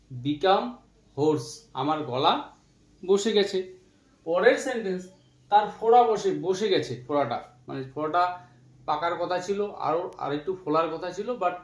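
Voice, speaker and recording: A man teaching spoken English, explaining in Bengali and saying English phrases slowly word by word. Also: a little high, echoey room.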